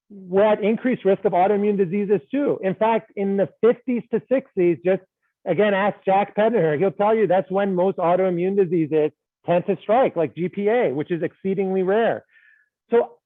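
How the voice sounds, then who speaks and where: A man's voice: high voice, no echo. A man thinking aloud through a medical case on a video call, playful and self-deprecating. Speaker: case discussant. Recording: tinny phone-like line.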